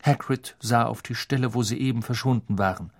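A man narrating a storybook audiobook in an expressive, measured way. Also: medium pitch. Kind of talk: scripted narration.

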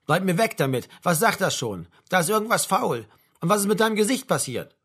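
A man's voice: sits high, very animated, brisk, slightly rough, heavily acted. A man reading a novel aloud, voicing a tired, blunt middle-aged mother who scolds her grown son. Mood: scolding. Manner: scolding, tired, sharp-tongued. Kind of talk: audiobook character voice.

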